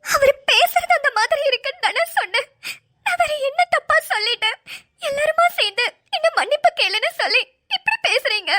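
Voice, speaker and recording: A woman voicing a spiteful, scheming newlywed young woman in a cartoon, who puts on fake high sobbing. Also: expressive, moderate pace, sharp tone. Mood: fake crying. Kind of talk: cartoon voice acting.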